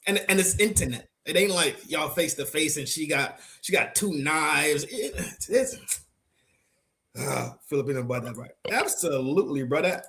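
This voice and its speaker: Male co-host, high lively voice, loose excitable banter. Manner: excitable, slangy, stretches words. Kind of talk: casual podcast banter.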